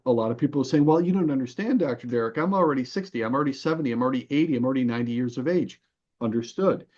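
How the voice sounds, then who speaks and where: A health and fitness coach appears as a podcast guest, explaining things in a didactic, emphatic way and posing rhetorical questions. His voice is mid-range and a little mellow, and the audio sounds dull and band-limited.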